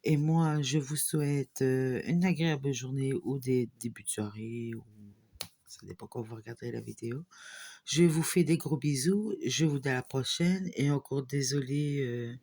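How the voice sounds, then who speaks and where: A woman hosting a casual unboxing vlog for her hobby channel, talking in a halting, hesitant way full of fillers and restarts, filmed away from home on a camera set on a small tripod. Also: rumbling low, warm tone.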